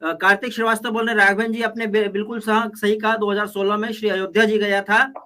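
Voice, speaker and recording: A man's voice: high-pitched, flat delivery, fast, pushed and bright. A man on a live political panel debate, reading out viewer comments one after another and arguing back with quips. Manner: reads comments aloud, argues with quips.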